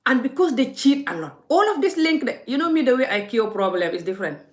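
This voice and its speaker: In an echoey room, a woman with a high-sitting, sing-song voice rants passionately in a vlog, talking a little fast. She is forthright and scolding, addressing the viewer directly as she makes her case.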